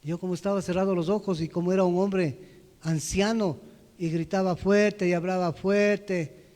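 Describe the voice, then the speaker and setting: A man preaching a personal testimony, swinging from loud to hushed as he tells the story. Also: sits high, fairly even intonation, normal speed, long reverb tail. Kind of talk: sermon testimony. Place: church hall.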